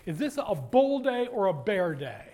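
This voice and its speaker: Guy teaching a finance class, kinda high voice, jokey, lots of uh and um, calls on students. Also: very animated, a little slow, dark tone. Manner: jokey, digressive, with many fillers and restarts; addresses students directly. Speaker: university finance lecturer. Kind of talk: classroom lecture. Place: university classroom.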